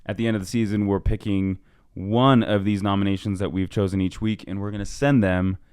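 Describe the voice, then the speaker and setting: A man with a low, smooth voice co-hosts a casual sports podcast. He is laid-back, uses a lot of ums and uhs, and lets his sentences trail off. The recording is close and dry. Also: flat delivery, brisk, a little mellow, no echo. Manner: easygoing, filler-heavy, trails off. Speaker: co-host.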